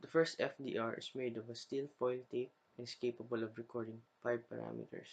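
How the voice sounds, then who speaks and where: A young adult man reads a slide presentation from a script like a student presenting, carefully taking it one phrase at a time. His mid-pitched voice is gravelly and husky, level in tone and a little fast.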